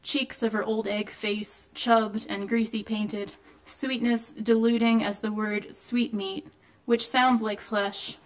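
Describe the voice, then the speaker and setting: A woman poet reading her own poems to a live audience indoors, measured and deliberate, with loose, um-filled asides between poems. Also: fairly high pitch, level tone. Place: indoor venue of a reading series.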